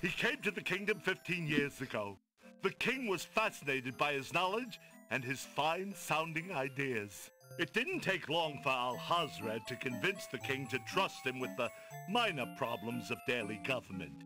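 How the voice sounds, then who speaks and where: Silly clown, bright and bouncy. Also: male voice, mid-range voice, sing-song, normal speed, faint music behind. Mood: worried, gossipy. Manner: silly clown voice, exaggerated and theatrical. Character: silly, worried male royal court clown, talkative and wistful. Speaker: royal court clown in a video game. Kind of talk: character voice acting in an adventure game.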